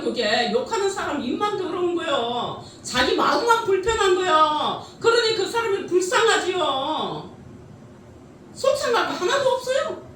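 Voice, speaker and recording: A woman's voice: high voice, fairly bright tone, slight background noise. A middle-aged woman preaching a sermon with many rhetorical questions and frequent laughter, heard from a distance in a church sanctuary. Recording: echoey church hall from a distance.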